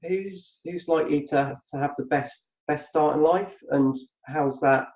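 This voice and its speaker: With a fairly high pitch and a slightly slow, slightly mellow delivery, this adult man co-hosts a podcast and once had a business of his own. His talk is a thoughtful, conversational explanation, with words repeated as he works through his ideas aloud. It was captured in a muffled, echoey room.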